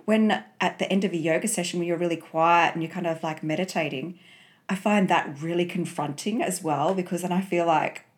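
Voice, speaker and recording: A woman's voice: lowish voice, brisk. Chatty woman hosting a podcast. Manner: friendly, chatty, asks open questions. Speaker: podcast host. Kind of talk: casual interview chat.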